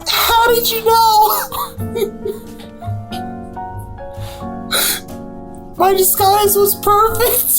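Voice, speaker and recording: A man voicing an indignant young lady podcast guest in a loud, shrill, sharp voice, in an improvised comedy role-play. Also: level tone, slow, music in the background. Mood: exposed, dramatic. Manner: defensive, huffy.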